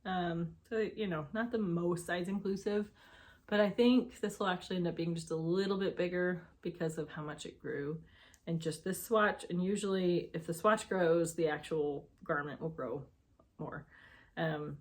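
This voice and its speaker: A woman's voice: on the low side, moderate pace. A woman hosting her knitting podcast at home, chatting casually and rambling with lots of fillers and asides. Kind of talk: casual chat.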